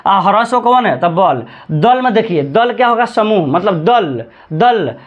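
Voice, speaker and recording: A man teaching a grammar lesson, repeating words slowly and drawing out chanted examples. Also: high voice, big pitch swings, muffled recording.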